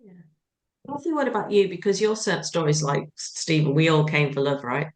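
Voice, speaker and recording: A woman's voice: sits low, big pitch swings, moderate pace. A woman, co-hosting a podcast in a casual chatty way and quoting her own thoughts. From England. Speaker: podcast co-host. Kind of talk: casual chat.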